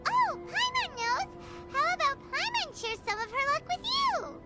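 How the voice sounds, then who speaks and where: A woman voicing a tiny, cheeky, childlike fairy companion in an anime game, squeaky and speaking in the third person. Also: big pitch swings, a little slow, full character voice. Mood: cheeky, doubtful. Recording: loud background music.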